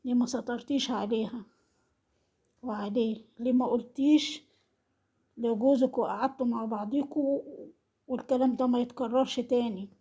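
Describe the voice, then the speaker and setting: Scolding Egyptian woman, husky and mellow. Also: on the high side, steady tone, moderate pace, pauses often. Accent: Egyptian Arabic. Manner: reproachful, hammers the same accusing questions over and over. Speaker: vlogger commenting on an online family feud. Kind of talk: scolding monologue.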